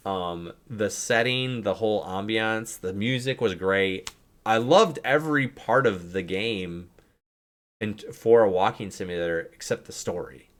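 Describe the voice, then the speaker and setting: Guy streamer chatting about games, kinda low voice, says like a lot, rambles. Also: unhurried, a bit bright. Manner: rambling, heavy use of "like"; talks through restarts and hedges. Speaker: streamer and host. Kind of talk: casual chat, game review.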